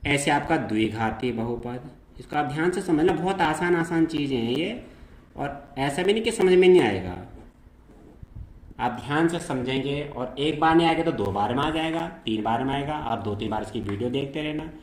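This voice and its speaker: A man's voice: fairly high pitch, animated, moderate pace. Man teaching math in an echoey room. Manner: explains step by step, keeps checking with students. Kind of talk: classroom math lesson.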